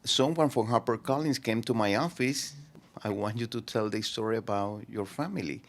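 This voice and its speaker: Author, male, low voice, second-language English, halting delivery. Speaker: author interviewed. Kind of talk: interview answers.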